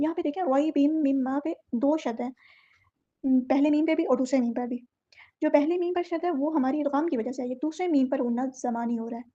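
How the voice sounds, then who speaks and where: A woman teaching Quran recitation rules, explaining each word and then reciting it slowly and drawn out. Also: sits high, mellow, highs cut off. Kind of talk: tajweed lesson.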